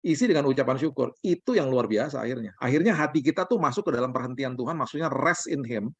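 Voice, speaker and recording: A man, a pastor, preaching in a relaxed, conversational way over a video call. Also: mid-range voice, fast talker, husky, dry recording. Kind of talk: sermon-style sharing over video call. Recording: dull lo-fi video call audio.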